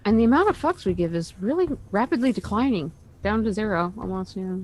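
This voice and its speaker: A woman playing a tabletop game who talks bluntly and laughs easily. Her pitch swings widely while she chats with the group and plans her character's moves. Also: animated, brisk, darkish tone. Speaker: player. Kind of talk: casual tabletop game chat.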